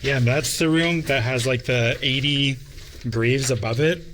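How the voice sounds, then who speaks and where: A man's voice: mid-range voice, a little slow, a bit bright. A man chatting casually as a visitor while walking through a cave. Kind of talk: casual chat. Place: inside a cave. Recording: noisy on-location recording inside a cave.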